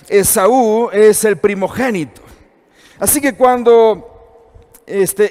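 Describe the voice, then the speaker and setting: Teaching a church seminar, this high-pitched man in his fifties speaks with an Argentine Spanish accent and keeps things conversational by questioning his audience. The audio has a big-room sound.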